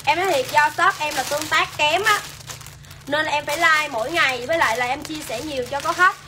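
A young woman pitches clothes live with a southern Vietnamese accent and an insistent hard sell. Her voice sits high and sounds bright and forceful. Faint shop noise runs behind her. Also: a little fast. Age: young adult. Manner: insistent, repetitive selling, addressing viewers. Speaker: livestream clothing seller. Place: small clothing shop, indoors. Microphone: phone at arm's length or on stand.

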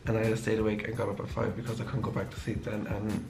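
Young male student vlogger, gravelly and monotone, tired, rambly storytime. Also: on the low side, fast, music in the background. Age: young adult. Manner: rambling, heavy use of "like". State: tired from lack of sleep. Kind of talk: casual storytelling vlog. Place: home kitchen, indoors.

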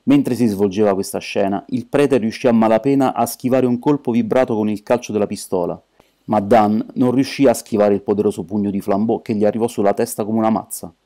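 A man reads an amateur audiobook with steady, measured delivery. His voice sits low. The tone is dark and mellow. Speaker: audiobook narrator.

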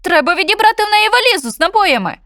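A woman doing an anxious, high-pitched ginger tomcat. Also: wildly swooping pitch, fast, pushed and bright, no echo, clean studio sound, heavily acted. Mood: indignant. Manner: anxious, pleading. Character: kind worried ginger tomcat.

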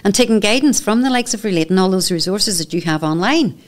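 A woman's voice: medium pitch, animated, fast talker. A woman in her fifties with a Northern Irish accent, speaking as a podcast guest in a candid, emphatic way and repeating key phrases. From Northern Ireland. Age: 50s. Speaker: podcast guest, menopause educator. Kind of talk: candid conversational interview. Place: studio set with armchairs. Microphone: boom microphone on stand.

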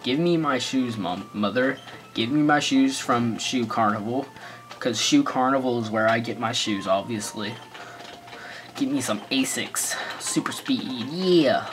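In an unhurried, slightly bright mid-range voice, an American man rambles through a goofy let's play. He jokes constantly and drops sarcastic asides, with faint game music in the background.

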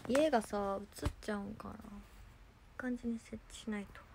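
A young woman casually chatting on a livestream, reading viewer comments with playful giggles and trying quick cartoon impressions. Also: mid-range voice, vocal fry, background noise. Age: young adult.

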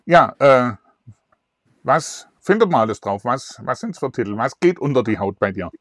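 A man's voice: mid-range voice, very animated, moderate pace, fairly bright tone, dry recording, studio quality. A middle-aged man hosting an online interview, chatty and full of fillers, talking into a lapel mic. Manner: chatty, filler-heavy questions. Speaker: host. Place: indoors in front of a virtual backdrop.

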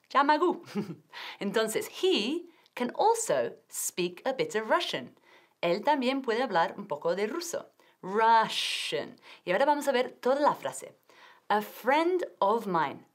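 Slow, lively woman drilling pronunciation. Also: mid-range voice. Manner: clear, drilling pronunciation, encouraging. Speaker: English teacher. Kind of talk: TV language lesson.

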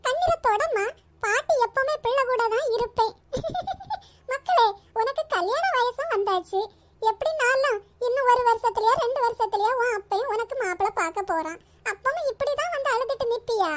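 Woman doing a squeaky doting old granny. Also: expressive, moderate pace. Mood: fond. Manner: fond, calls granddaughter dear, chuckling. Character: affectionate old grandmother, doting and teasing. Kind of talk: cartoon voice acting.

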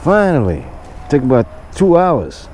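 A man filming himself fishing from a lakeshore with a head-mounted camera, talking excitedly to the fish as he reels them in. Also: a little high, measured pace, slight background noise. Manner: talks to the fish while reeling. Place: outdoors on a lakeshore. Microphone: head-mounted action camera.

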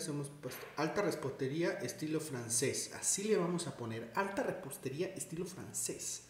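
A man from Mexico gives a chatty, screen-recorded design tutorial, thinking aloud and correcting himself as he works. His voice is mid-range and a little mellow, with slight background noise in a very echoey room.

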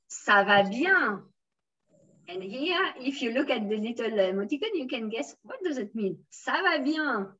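A woman's voice: a little high, slightly rough, dull audio. A woman with a French accent teaching a beginners' French lesson, patiently modelling phrases and encouraging her students.

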